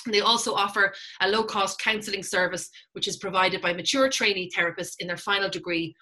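A woman's voice: medium pitch, a little fast, sharp tone. A woman hosting an informal interview, introducing her guest and putting questions. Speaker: host, interviewer.

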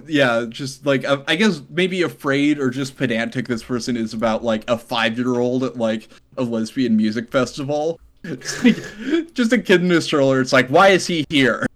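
A man's voice: medium pitch, a bit bright. A man hosting a casual comedy podcast, reading forum posts aloud and laughing often. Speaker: podcast host.

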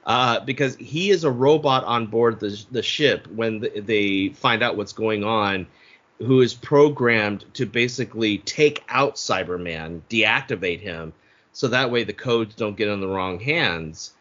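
A podcast co-host with a fairly low, fairly bright voice speaks a little slowly in a casual movie review chat. His talk is loose, profane, and full of restarts, and the lo-fi podcast audio sounds dull.

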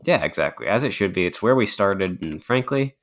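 A man's voice: low voice, expressive, brisk. A man in his twenties chatting casually as a podcast co-host, joking and self-deprecating, with the cave-like echo of a bare room. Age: 20s. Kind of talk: casual chat.

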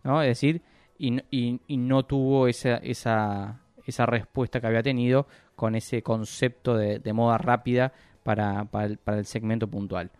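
A man talks through business news in a measured, explanatory way, often pausing and restarting his sentences. His voice sits at an ordinary middle pitch, recorded close and dry with no room sound. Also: steady tone, a little mellow, clear, resonant tone, no room sound. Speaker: economic analyst guest. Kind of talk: radio interview commentary.

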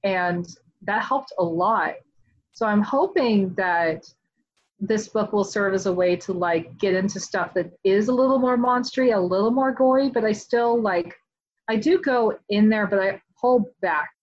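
Chatty, animated woman author in interview. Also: mid-range voice, unhurried, muffled recording. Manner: chatty and animated, many "like" fillers. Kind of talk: casual interview chat.

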